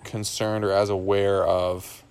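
A man's voice: fairly low pitch, level tone, a little slow, darkish tone, clear, resonant tone. A young man in casual podcast chat, thinking aloud and rambling with many fillers and restarts.

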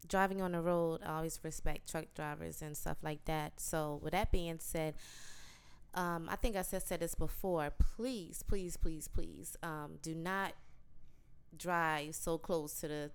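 Woman trucker, smooth resonant voice, soft-spoken and quick to laugh, casual couple vlog chat. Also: sits low, steady tone. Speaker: truck-driving vlogger. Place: hotel room.

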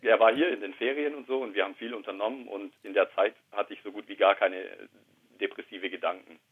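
Husky-voiced man on a tinny line. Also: lowish voice, fairly quick. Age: 30s. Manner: quiet, reflective, hesitant. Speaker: guest. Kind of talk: candid personal conversation. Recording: tinny phone-line sound.

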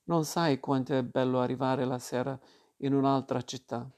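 A man reading the lines of a carefree, playful young woman in his own even, low-key voice. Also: moderate pace, lightly acted. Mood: dreamy.

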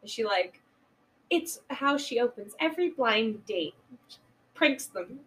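Giggly high-voiced woman retelling a film. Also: unhurried. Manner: giggly, animated storytelling, swears casually. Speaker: podcast guest. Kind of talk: casual chat retelling a film plot.

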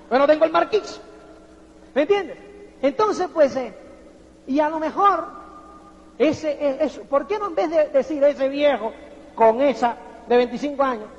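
Male motivational speaker, very high voice, rhetorical and audience-checking, acts out quotes; dull lo-fi recording in a reverberant hall. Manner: rhetorical, keeps asking "¿me entiendes?". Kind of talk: motivational seminar talk.

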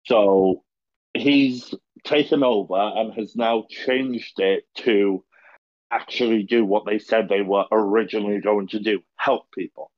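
A man rambles slowly through a story from a tabletop game, pausing often on fillers. His voice sits a little low and rings in an echoey room. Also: steady tone, dull audio. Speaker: podcast host. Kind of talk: casual chat, recounting a tabletop game.

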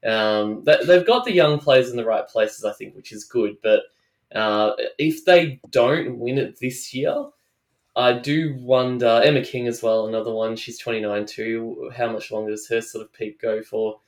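An Australian man co-hosts a relaxed sports podcast, pausing and restarting as he works through his thoughts. His voice sits at an ordinary pitch. The room around him is echoey. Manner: hesitant, thinking aloud, leads the segment. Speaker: podcast co-host. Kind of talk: casual sports chat. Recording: roomy echo.

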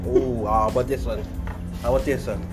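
A man's voice: medium pitch, fairly even intonation, fairly quick, music in the background. A man with speech shaped by missing front teeth, joking boisterously and swearing as he trades riddles casually with friends.

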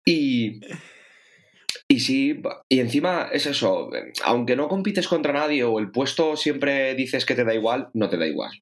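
Guy from telling a story on a podcast, middle pitch, swears a lot, acts out his thoughts. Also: lively intonation, a little slow. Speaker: podcast co-host, triathlete. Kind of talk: casual chat.

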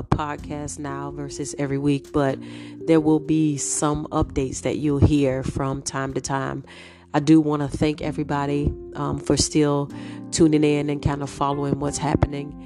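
Woman, middle-aged, podcast host, congested with a cold, deep voice, unhurried with ums, guitar music behind. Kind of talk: casual solo podcast talk.

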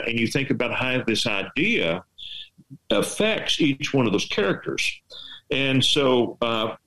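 A man from West Texas with a Texas accent, a veteran storyteller and artist, offers writing advice in a casual chat that's folksy, rambling and packed with rhetorical questions. His voice is mid-range and a bit bright, and the recording is rough.

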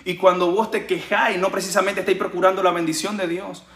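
High-voiced pastor preaching. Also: male voice, little pitch movement, quick pace, fairly bright tone, echoey room. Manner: earnest preaching, chuckles between points. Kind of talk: sermon.

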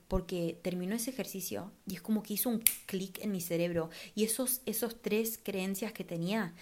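A woman's voice: mid-range voice, darkish tone, a little hiss or hum. Chatty young woman podcaster. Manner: chatty, mixes English words into her Spanish. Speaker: podcast host. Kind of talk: casual podcast monologue.

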